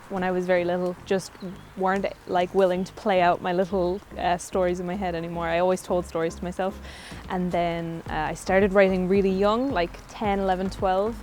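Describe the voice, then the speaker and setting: A woman's voice: medium pitch, steady tone, moderate pace, soft background music. A young woman with a west of Ireland accent, giving chatty, informal and thoughtful answers as an interview guest. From Galway, Ireland. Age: young adult.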